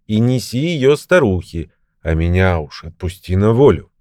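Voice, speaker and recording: A man voicing a kindly male crane from a fairy tale, who speaks in a gentle, measured way. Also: on the low side, big pitch swings, dry recording, studio quality. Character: kindly talking male crane, magical helper.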